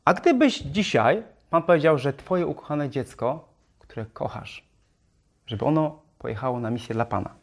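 A man's voice: mid-range voice, lively intonation, normal speed. A man preaching a sermon, firing rhetorical questions at his congregation. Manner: self-described talker.

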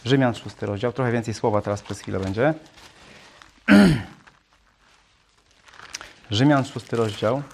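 A man's voice: mid-range voice, measured pace, vocal fry, long pauses, slight background noise. A man preaching a sermon, reading Bible verses aloud and explaining them, often asking his listeners questions and repeating phrases.

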